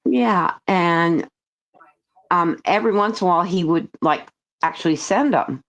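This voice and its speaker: A woman taking part in a casual group chat, teasing and telling stories in a lively way. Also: fairly low pitch, a little slow, lo-fi sound. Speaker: chat guest.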